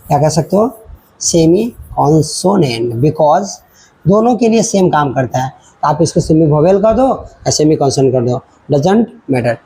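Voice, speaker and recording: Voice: mid-range voice, darkish tone, slightly rough, poor audio. A teacher giving a children's grammar lesson, repeating points and checking in often while mixing in English words.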